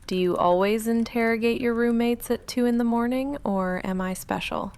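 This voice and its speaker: A woman with a fairly high, clean voice close to her everyday register plays a goth vampire roommate in intimate ASMR roleplay. The mood is defensive and deadpan; she speaks softly and haltingly, dry and guarded yet quietly affectionate, often almost whispering.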